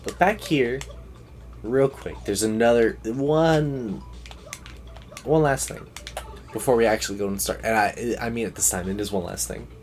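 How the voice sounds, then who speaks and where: A man's voice: mid-range voice, normal speed, long pauses, darkish tone, soft background music. A man livestreaming a video game with casual, rambling commentary, thinking aloud as he plays.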